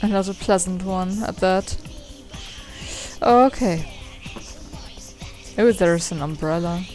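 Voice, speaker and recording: Let's play host: a woman with a slightly low voice, slow and musing, faint game music behind. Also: a little mellow. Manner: slow, musing, stumbles while reading dialogue options aloud. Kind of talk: casual gameplay commentary.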